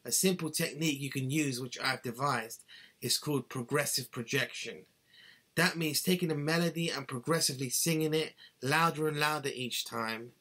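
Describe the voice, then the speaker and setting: A man in his thirties, a singing tutor, delivers a scripted how-to lesson to a webcam in a small, cluttered bedroom. His mid-range voice is bright and forceful at a normal speed, and he stays earnest and instructive, gesturing with both hands.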